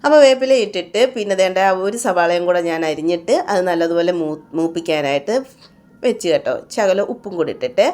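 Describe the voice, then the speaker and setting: A woman's voice: fairly low pitch, a little fast, darkish tone. Chatty woman vlogger narrating her day. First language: Malayalam speaker. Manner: chatty, often adds "you know" tags. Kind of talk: casual voice-over narration of a home day.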